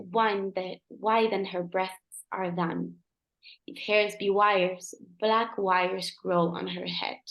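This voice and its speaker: With a medium-pitched voice and vocal fry, a teenage woman co-hosts a podcast, chatting casually and reading a sonnet, with "like" and "um" sprinkled throughout. The recording is low-quality and roomy.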